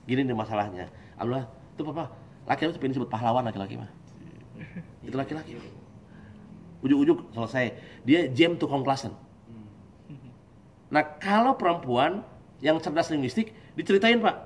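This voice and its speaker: A man giving a lively, joking religious study talk, acting out husband and wife voices. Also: mid-range voice, a little fast, long pauses, slight background noise. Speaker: preacher.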